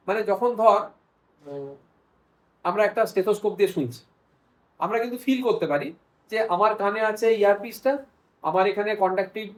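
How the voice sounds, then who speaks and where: A man's voice: high voice, poor audio. A man teaching children's medicine at a hospital bedside, explaining in a casual way and asking and answering his own questions. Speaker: paediatrics teacher.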